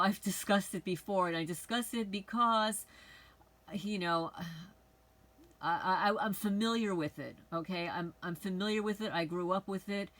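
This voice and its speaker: A middle-aged woman from the Bronx speaks, her voice sitting a little low for a woman. She hosts her own channel and talks in a loose, rambling way, dropping frank asides straight to her viewers. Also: fairly bright tone, rough recording. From the Bronx, New York. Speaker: channel host. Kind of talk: casual personal monologue.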